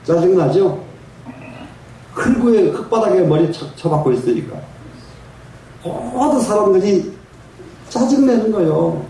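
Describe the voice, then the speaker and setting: Older monk preaching in an echoey hall. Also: male voice, high-pitched, animated, a little slow, long pauses, warm tone, a little hiss or hum. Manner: folksy storytelling, asks the audience for replies and chuckles. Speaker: Buddhist monk giving a dharma talk. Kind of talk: sermon. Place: large echoing meditation hall. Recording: distant mic in a very echoey hall.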